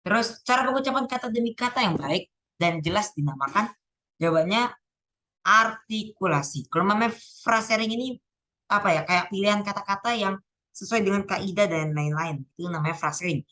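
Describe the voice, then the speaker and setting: A woman's voice: medium pitch, a little fast, a bit bright, rough recording. A teenage girl casually going over exam answers, thinking aloud and often correcting herself. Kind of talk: casual spoken exam walkthrough.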